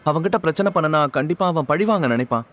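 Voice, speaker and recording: A man's voice: fairly high pitch, animated, fast, a bit bright. Young wife, indignant, pleading, hurt, man voicing her, audio story. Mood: apologetic.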